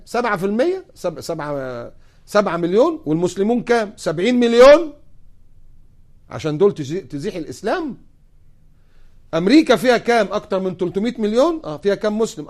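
A male preacher with an Egyptian accent delivers a sermon at a rapid clip. His voice is a little higher than most men's and rises and falls sharply. He fires off sarcastic, mocking rhetorical questions. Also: a little mellow. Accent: Egyptian Arabic.

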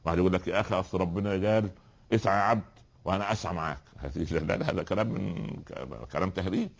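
A man's voice: low voice, rapid-fire, vocal fry, breathy edge. A man with an Egyptian Arabic accent giving a spoken religious lesson, explaining with rhetorical questions and repeated examples. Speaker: religious teacher. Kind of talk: spoken lesson on Quran recitation.

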